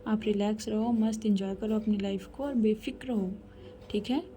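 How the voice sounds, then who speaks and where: A woman's voice: medium pitch, fairly even intonation, normal speed, dark tone, slight background noise, close to an everyday voice. A woman voicing a defiant, irritated young bride, speaking indignantly in a told story. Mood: dismissive. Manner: indignant, pushes back sharply.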